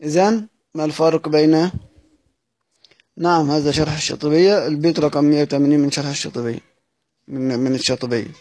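A man teaching a live online lesson on Quran recitation. He explains step by step, asks questions and answers them himself, and chants verse lines slowly. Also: fairly high pitch, steady tone, a little mellow.

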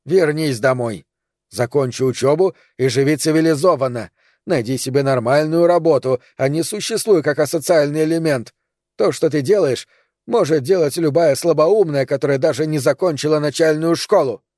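A stern, disappointed father in an audiobook, as the male reader voices him. He speaks slowly and reproachfully in a dark, mellow tone, close and dry. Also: on the high side, no echo, natural voice. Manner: slow, reproachful.

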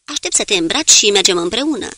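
A woman's voice: mid-range voice, lively intonation, pushed and bright, dry recording. A woman voicing a courteous, weary male naval commodore with a bearded look in an audiobook. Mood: formal polite.

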